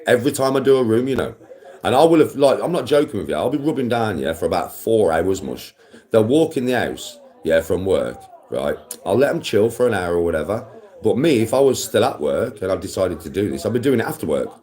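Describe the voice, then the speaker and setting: A man's voice: on the low side, sing-song, a little fast, a little mellow. A middle-aged man, casually chatting on a livestream, swearing freely and calling viewers bro. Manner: laid-back, swears freely, slangy, calls viewers bro. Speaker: livestream host reading chat.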